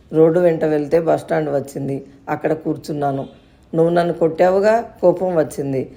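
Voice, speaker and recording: A woman's voice: low voice, gravelly, mellow. A woman voicing a chatty, innocent young boy who asks questions and rambles on.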